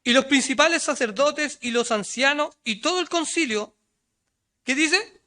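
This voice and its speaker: Male preacher, Chilean Spanish accent, very high-pitched, sharp bright tone, preaching a sermon, questions and answers himself. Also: unhurried. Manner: asks rhetorical questions and answers them, reads scripture aloud; voice rises loud and high when quoting the crowd, drops low and quiet on asides.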